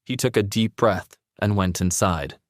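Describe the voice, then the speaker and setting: A man narrating a scripted audio drama in an even storytelling voice. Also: lowish voice, measured pace, no echo, clean studio sound. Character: determined young husband.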